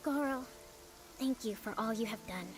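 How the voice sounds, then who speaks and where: A woman's voice: a little high, moderate pace, music in the background, lightly acted. A woman voicing a composed young priestess who leads a resistance in a video game, speaking politely and formally. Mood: gentle, grateful.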